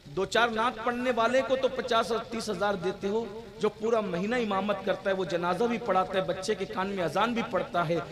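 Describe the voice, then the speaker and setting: Male preacher giving a fiery sermon, high voice, big crowd behind him. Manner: emphatic, exhorting, rising to shouts.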